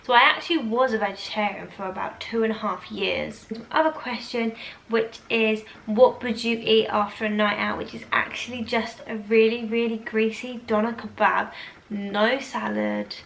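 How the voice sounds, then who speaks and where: A woman's voice: mid-range voice, steady tone, a little slow, creaky, a bit bright. Chatty young British woman in an echoey room. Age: 20s. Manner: rambling, informal, exaggerating. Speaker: vlogger. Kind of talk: casual chatty Q&A to camera. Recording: echoey room, faint background noise.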